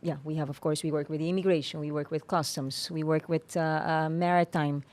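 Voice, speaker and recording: A woman with an Aruban accent explaining things formally and in measured, hesitant phrases as an interview guest. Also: deep voice, fairly even intonation, darkish tone. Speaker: tourism authority official, interview guest.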